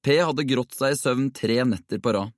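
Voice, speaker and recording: A man narrating a children's novel in a steady, expressive audiobook reading. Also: mid-range voice, dry recording, clean studio sound.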